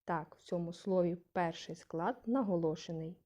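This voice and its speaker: A woman teaching a young class, slow and patient, saying example words aloud with a rising question tone to stress syllables. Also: on the low side, warm tone. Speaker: primary school teacher. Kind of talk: scripted lesson narration.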